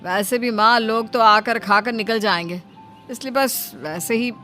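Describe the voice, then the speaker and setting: A woman's voice: a little high, unhurried, pushed and bright, soft background music. Cartoon son, patient and reasoning, woman voicing. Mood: explaining. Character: dutiful working son around thirty. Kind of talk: cartoon voice acting.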